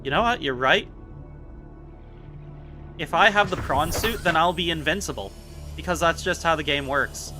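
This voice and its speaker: A man's voice: a little high, expressive, normal speed, pauses often, over music. A man giving casual gameplay commentary, chatty and self-mocking as he thinks aloud. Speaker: gaming video host.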